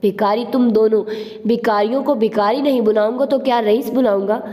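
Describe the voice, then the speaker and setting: Woman reading as a cheeky loud young man. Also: a little high, fairly even intonation, a little fast, in a large hall, lightly acted. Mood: teasing. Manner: teasing, boastful banter.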